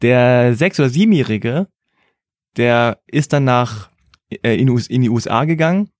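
A man chats casually and tells anecdotes at a steady, measured pace. His voice is mid-pitched and recorded close and dry. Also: no echo. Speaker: conversation partner. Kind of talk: casual chat.

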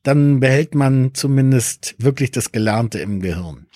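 A man's voice: mid-range voice, animated, a little slow, dark tone, dry recording, clean studio sound. Reflective man in a casual chat. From Berlin. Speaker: conversation partner.

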